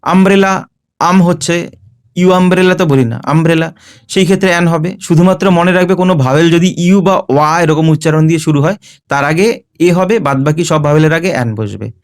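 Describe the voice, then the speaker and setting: A man teaching English grammar with a Bengali accent. He reads each rule out slowly and then explains it, often checking whether the students follow. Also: a little high. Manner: often checks in with "thik ache?". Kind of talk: recorded exam-prep grammar lesson.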